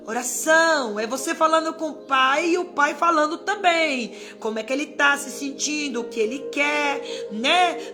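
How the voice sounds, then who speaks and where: A woman giving a daily devotional in a fervent, conversational way, acting out prayers to God. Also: high-pitched. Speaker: preacher. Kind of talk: live-streamed daily devotional.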